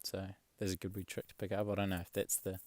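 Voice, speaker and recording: A young man chatting casually in a vlog, rambling and relaxed, swearing offhand. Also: deep voice, fast talker, no room sound. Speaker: travel vlogger. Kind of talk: casual chat.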